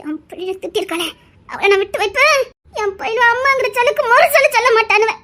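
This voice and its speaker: A woman's voice: very high voice, animated, quick pace, sharp tone, exaggerated voice. A woman playing a fiery, protective village mother with a Tirunelveli Tamil accent, indignant and talkative. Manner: indignant outbursts with laughing asides.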